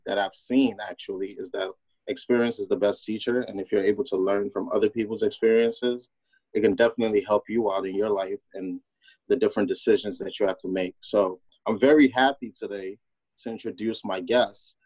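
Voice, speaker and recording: A man's voice: lowish voice, steady tone, moderate pace, darkish tone, no echo, low-quality recording. A man hosting a podcast in an informal, conversational way, repeating phrases for emphasis. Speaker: podcast host.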